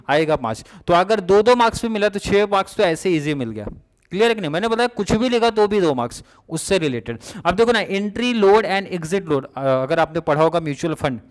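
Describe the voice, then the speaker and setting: A young male teacher talks through exam revision in a relaxed, chatty way, stopping often to check that his students are following. His voice sits a little high for a man. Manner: casual, repeatedly checks understanding with students.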